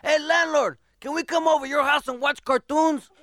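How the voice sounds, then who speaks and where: A man's voice: very high voice, lively intonation, vocal fry, pushed and bright, no echo, studio quality, voice pushed up, full character voice. A man doing a wisecracking little pig. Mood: cheeky. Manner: quick nervous wisecracks.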